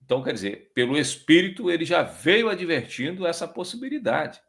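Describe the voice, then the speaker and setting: Brazilian male preacher, chatty Bible teacher, lively and expressive intonation. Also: fairly high pitch, vocal fry. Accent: Brazilian Portuguese. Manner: conversational, frequent tag questions, slows down to read scripture. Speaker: preacher, program host.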